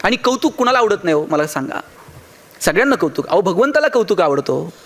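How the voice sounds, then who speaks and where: A man's voice: high voice, sing-song, fairly quick. A man giving a motivational public speech, telling funny stories and talking directly to his audience. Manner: humorous storytelling, addresses the audience directly. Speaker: motivational speaker.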